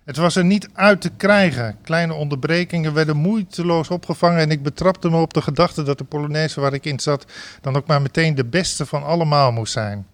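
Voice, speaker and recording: A man reading a comic story aloud on a talk show, switching to loud sung party chants and laughing along. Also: fairly high pitch, a little fast, no room sound. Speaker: reader of a book passage on a talk show.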